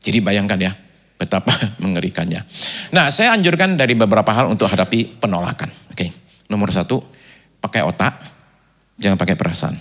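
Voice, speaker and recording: A man's voice: lowish voice, fairly quick, long pauses. A male pastor giving a sermon in a church, telling stories and acting out the people he quotes. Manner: animated storytelling, acts out quoted people. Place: church stage.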